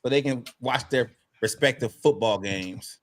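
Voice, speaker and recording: A man's voice: medium pitch, measured pace. A man on a sports panel bantering casually in cocky, slangy talk.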